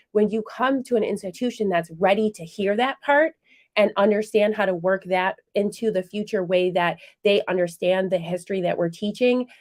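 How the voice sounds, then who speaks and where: A woman hosting a college radio interview, enthusiastic and animated, with many fillers and "like"s. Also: lowish voice. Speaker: radio show host. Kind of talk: conversational interview.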